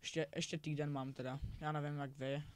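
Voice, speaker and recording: A man's voice: a little high, little pitch movement, clean tone. A teenage boy rambling casually while commenting on his own gameplay, often correcting himself. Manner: rambling, self-correcting, chatty. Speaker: gaming YouTuber.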